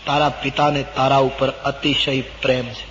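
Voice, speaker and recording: A man voicing a queen stepmother who talks softly and then grows insistent. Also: medium pitch, level tone, normal speed, a little hiss or hum, close to an everyday voice. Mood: calm. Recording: dull old recording in a reverberant hall.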